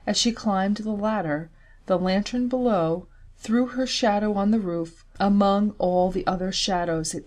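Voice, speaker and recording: Brief: woman story reader, steady, deliberate narration, mid-range voice. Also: medium pitch. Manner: measured, slows on key details.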